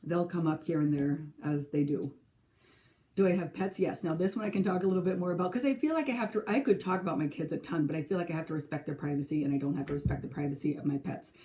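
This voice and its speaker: Speaking quickly in a low, dark-toned voice with a little hiss or hum on the recording, a woman in her forties with a Minnesotan accent rambles and corrects herself while chatting for her vlog. She is from California and is a second grade teacher and stitching vlogger.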